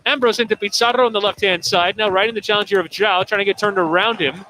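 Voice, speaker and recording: A man calling a live soccer match play by play, describing the action in quick, steady commentary. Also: high voice, a little hiss or hum, poor audio. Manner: rapid descriptive calls, laughs easily.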